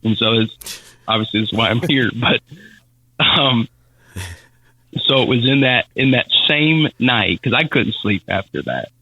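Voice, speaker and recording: A man telling a personal faith testimony as a podcast guest, halting and repeating words as he speaks. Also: mid-range voice, animated, slightly rough, no echo, muffled recording. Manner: halting, repeats words, Southern-style casual phrasing.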